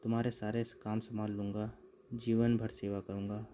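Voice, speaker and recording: A man voicing a greedy young con man in an animated comic, who wails and pleads when things go wrong. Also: on the low side, normal speed, slight background noise, natural voice. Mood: ingratiating. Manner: wailing and pleading.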